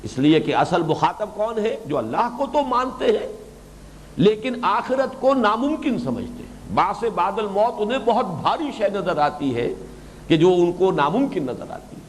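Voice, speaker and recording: An older man lectures as a Quran teacher, his pitch lifting and falling with lively emphasis. He explains patiently and slows down to recite verses. A faint hiss of background noise sits under his voice. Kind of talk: religious lecture.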